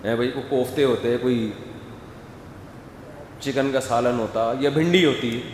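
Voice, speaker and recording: A man preaching a sermon, animated and acting out family scenes. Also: medium pitch, slight background noise. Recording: echoey hall, faint ambience.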